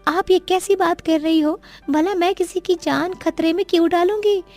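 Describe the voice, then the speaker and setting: Actress as a spirited young daughter in a cartoon, very high voice, assertive. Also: female voice, steady tone, moderate pace, darkish tone, faint music behind. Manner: assertive, self-assured. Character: bold young woman, confident daughter.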